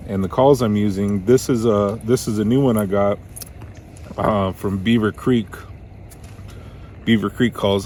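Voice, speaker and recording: Low-voiced man giving a casual how-to. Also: a little mellow, slight background noise. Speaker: duck calling instructor.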